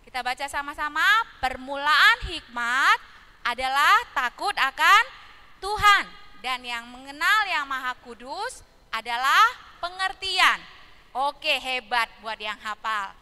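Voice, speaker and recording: Woman, children's church teacher; animated storyteller, quizzes the kids; very high pitch, bright tone. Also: slow, long reverb tail. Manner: animated, asking children questions. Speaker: Sunday school teacher. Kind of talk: telling a Bible story to small children.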